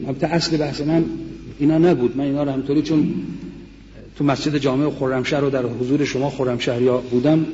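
A middle-aged man tells his memories in an earnest, measured voice. His tone is mellow and dark. The sound is dull and lo-fi, with the long reverb of a large mosque hall. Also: medium pitch, level tone, slight background noise. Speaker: war veteran speaker. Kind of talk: recounting memories to an audience.

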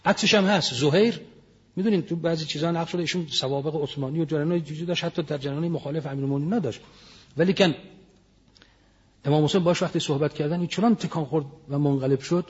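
Male preacher, raised husky voice, sermon with slowly intoned prayer lines, muffled lo-fi sound. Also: a little high, a little mellow. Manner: slowly intones Arabic prayer lines, then explains them. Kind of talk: religious sermon.

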